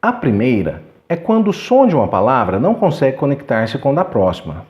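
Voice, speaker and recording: Homem com sotaque brasileiro dando aula de inglês, fala devagar nos exemplos, entonação bem viva. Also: male voice, medium pitch, sing-song, highs cut off. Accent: Brazilian Portuguese. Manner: explains clearly, slows down to model English sounds. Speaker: English teacher. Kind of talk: scripted lesson.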